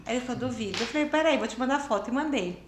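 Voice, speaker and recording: A woman around fifty with a Brazilian Portuguese accent, a guest in an interview who tells her story in a casual, animated way and acts out the dialogue. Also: high voice, very fast, slight background noise. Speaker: interview guest, writer and lawyer. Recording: roomy echo.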